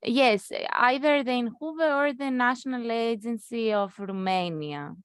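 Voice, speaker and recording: A woman adding a comment in an online webinar, slowly searching for her words. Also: fairly high pitch, clear, resonant tone, no room sound. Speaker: webinar participant. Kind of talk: adding comments on a video call.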